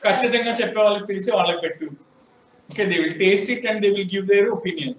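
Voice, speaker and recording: A man's voice: high-pitched, moderate pace, slight background noise. A man with a Telugu accent teaching programming in a classroom lecture, questioning his students and prompting them to answer. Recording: echoey room, distant, dull lo-fi sound.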